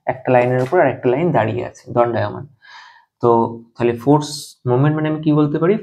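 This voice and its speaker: A man from West Bengal, teaching a classroom lecture step by step, often checking that students follow and slowing down to dictate terms. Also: mid-range voice, gravelly, mellow. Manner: explains step by step with frequent check-ins, slows to dictate terms.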